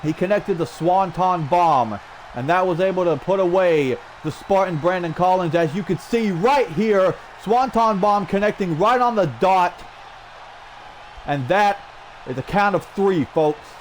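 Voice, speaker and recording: Calling a video game wrestling bout play by play, a high-voiced male commentator keeps a measured pace while still shouting energetic exclamations, his throat strained. The loud noise of the game's wrestling crowd backs the recording.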